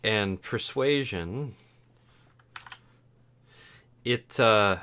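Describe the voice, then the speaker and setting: A low-voiced man works as game master at a tabletop game. His tone is bright and forceful, and he describes scenes casually at an unhurried pace. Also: clear, resonant tone.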